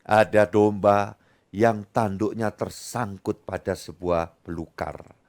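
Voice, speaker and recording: A middle-aged man, preaching a sermon as pastor, swinging between loud high exclamations and quiet low asides. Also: fairly even intonation, slow.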